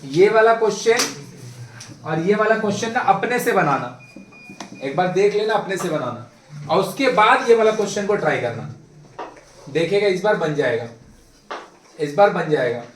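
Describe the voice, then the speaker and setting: High-voiced male tutor, echoey classroom. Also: animated, moderate pace, long pauses, distant mic, slight background noise. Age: young adult. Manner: coaxing, repetitive drilling. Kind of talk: live classroom teaching.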